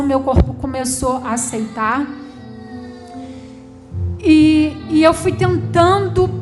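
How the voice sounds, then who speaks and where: A woman with a high voice and a Brazilian Portuguese accent tells her testimony like a pastor. She speaks fervently and dramatically, often repeating her phrases. Clear music plays under her voice. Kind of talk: emotional personal testimony.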